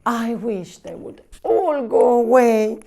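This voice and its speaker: A woman's voice: on the high side, expressive, slow, creaky, mellow, voice pushed up, heavily acted. A woman voicing a fretful, worn-out little male genie, speaking in an exasperated, sighing way.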